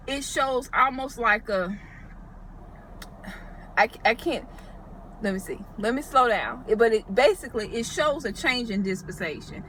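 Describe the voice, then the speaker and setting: A woman's voice: on the high side, a bit bright, a little hiss or hum, low-quality recording. A woman giving a casual Bible teaching, thinking aloud and checking her notes. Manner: conversational, thinks aloud with restarts, refers to notes.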